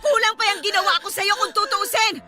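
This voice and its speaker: A woman playing an enraged, jealous wife in a shrill, scolding teleserye confrontation in Filipino radio drama. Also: lively intonation, a little fast. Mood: furious. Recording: loud dramatic music underneath.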